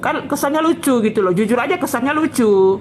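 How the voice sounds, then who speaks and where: Live streamer, woman, North Sumatran accent; loud, blunt, sounds angry even when calm; higher voice, noisy background. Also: brisk. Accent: North Sumatran Indonesian. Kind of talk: live stream chatting with viewers.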